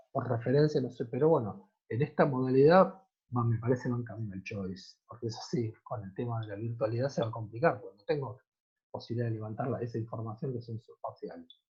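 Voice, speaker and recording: Male Argentine lecturer, husky voice on a dull lo-fi video call, checks in with students and poses questions he then answers. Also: mid-range voice. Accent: Argentine Spanish. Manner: checks in often and asks rhetorical questions. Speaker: university teacher. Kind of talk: online class lecture.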